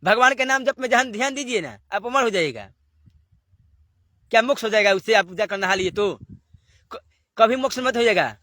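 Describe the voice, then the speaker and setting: A man's voice: sits high, animated, moderate pace, pauses often, sharp tone, no echo. A man giving a devotional sermon, exhorting listeners and firing off rhetorical questions. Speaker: spiritual preacher.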